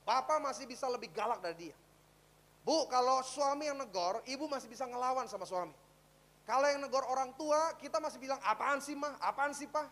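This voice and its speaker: High-voiced preacher. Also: male voice. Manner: lively preaching, swinging between loud exhortation and quiet storytelling. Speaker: pastor. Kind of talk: sermon.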